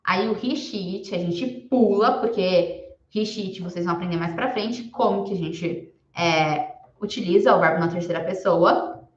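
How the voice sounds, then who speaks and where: A woman teaching a recorded beginner class, explaining patiently and slowing down to spell out each example word. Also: lowish voice. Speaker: English teacher. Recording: echoey room, dull lo-fi sound.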